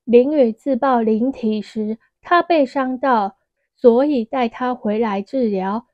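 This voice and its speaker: A woman's voice: a little high, takes it slowly, no echo, highs cut off. A woman voicing a stern, protective male swordsman in an audiobook, speaking firmly.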